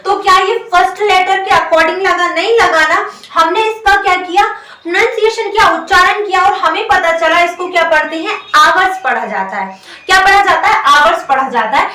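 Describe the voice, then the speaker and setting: A woman's voice: very high voice, normal speed, bright, forceful tone. A woman teaching a grammar lesson to her students. She explains patiently, asks her own questions and answers them, and says "theek hai" after each point. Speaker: English teacher. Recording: roomy echo from a distant mic.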